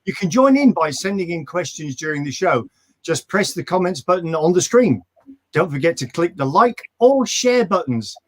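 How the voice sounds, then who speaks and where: A man's voice: fairly high pitch, big pitch swings, normal speed. A man with a slight northern English accent hosting a local online news show from a virtual studio, chatty and friendly. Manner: friendly scripted intro, then chatty. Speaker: host. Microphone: video call.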